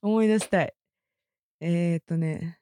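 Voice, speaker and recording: A woman, chatting casually as co-host, lively and teasing. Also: fairly low pitch, a little slow, a little hiss or hum. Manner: lively, teasing, laughs often. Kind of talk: casual chat.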